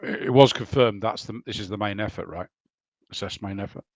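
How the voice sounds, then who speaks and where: A man's voice: fairly low pitch, fairly quick, no room sound. A man chatting casually about tactics over a game headset. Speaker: player.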